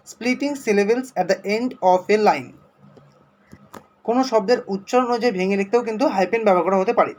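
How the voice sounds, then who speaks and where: A man with a Bengali accent teaching a primary school English lesson, reading English examples slowly and then explaining them in Bengali. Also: high-pitched, darkish tone.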